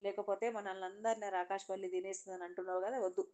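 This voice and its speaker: A woman's voice: mid-range voice, flat delivery, fast talker, warm tone, natural voice. A woman voicing a brave, selfless youngest daughter in a folk tale. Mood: resolute.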